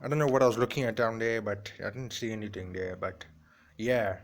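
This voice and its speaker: A man voicing his pet African grey parrot as a tired, camera-shy bird with a low, subdued manner. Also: brisk, close to an everyday voice.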